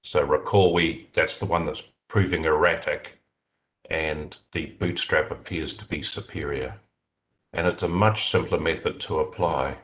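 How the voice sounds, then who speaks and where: A man explaining statistical software methods in a video meeting, measured and explanatory, with frequent fillers. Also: very deep voice, steady tone, rough recording. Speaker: software developer answering committee questions. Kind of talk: technical discussion in a video meeting.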